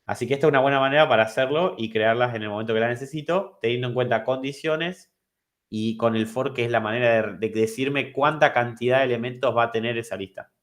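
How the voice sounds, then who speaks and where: A man's voice: mid-range voice, quick pace, a bit bright. Argentine man teaching a coding class. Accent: Argentine Spanish. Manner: explanatory, repeats and restarts, asks if understood. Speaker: programming teacher. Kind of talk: recorded online class.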